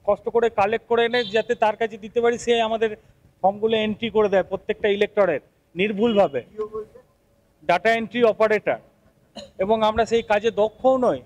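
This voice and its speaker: A man's voice: high voice, dull audio. A man with a West Bengal Bengali accent making an aggrieved, pleading complaint to the press. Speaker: booth-level election worker. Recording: clear background noise, on-site ambience.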